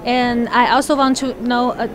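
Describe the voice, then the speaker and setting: A woman, an international student, answering interview questions in careful, deliberate phrases. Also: on the high side, little pitch movement. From China. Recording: outdoor crowd noise behind.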